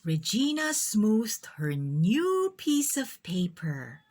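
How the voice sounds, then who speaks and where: Here a woman of medium pitch performs a picture book for children, pacing the story carefully and giving it lively expression.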